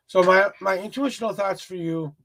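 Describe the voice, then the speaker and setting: This man has a high, bright voice with a forceful tone and a rural Minnesota Midwest accent. He rambles through a casual tarot reading on a livestream, chatting with viewers while repeating words and restarting often.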